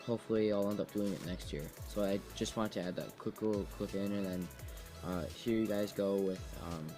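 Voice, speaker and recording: A man's voice: on the low side, fairly even intonation. A young man talking casually and hesitantly to viewers as a vlogger. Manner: halting, hesitant delivery. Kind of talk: casual vlog talk. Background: music.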